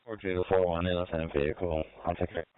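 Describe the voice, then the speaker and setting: A man's voice: low voice, little pitch movement, fast talker. A man on patrol answering over police radio with terse call signs and short replies. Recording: tinny radio with faint static.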